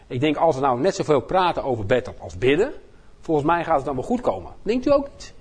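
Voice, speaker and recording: High-voiced Dutch man preaching informally. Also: sing-song, fast talker, darkish tone, breathy edge. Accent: Dutch, from the Netherlands. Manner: folksy, joking, self-deprecating. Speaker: missionary speaker preaching at his home church. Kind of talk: informal sermon to a congregation.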